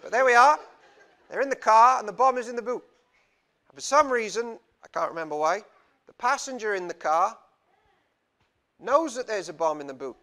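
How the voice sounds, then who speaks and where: This young Welsh visiting preacher talks at a normal speed but pauses often, his high voice animated, pushed and bright. He delivers a chatty, self-deprecating informal sermon in a small indoor church hall, gesturing freely, on a lapel mic.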